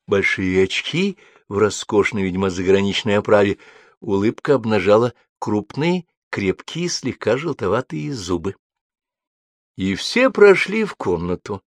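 Man reading a story, low pitch, deadpan, wry, dry studio sound. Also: no echo. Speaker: narrator.

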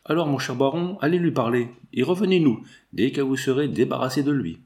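A man's voice: medium pitch, lively intonation, fairly quick, a little mellow, natural voice. A man reading the part of a shrewd, scheming male financier in an audiobook, speaking in a persuasive, self-assured way.

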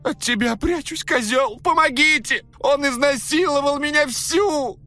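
A man's voice: very high-pitched, measured pace, bright, forceful tone, soft background music, pitched above the performer's own voice, full character voice. A man reading a story aloud, voicing a hysterical, scheming young woman who shrieks, wails and lisps through a broken nose. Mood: shrieking.

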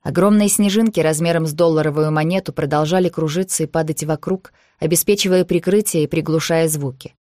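Audiobook narrator, mid pitch, even and measured, dry close-miked sound. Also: no echo.

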